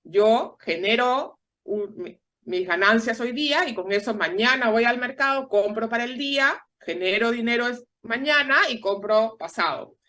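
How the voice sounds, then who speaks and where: A woman from Peru with a Peruvian Spanish accent, a guest explaining things in measured interview answers with frequent tag questions. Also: fairly high pitch, lively intonation, pushed and bright. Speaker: guest analyst.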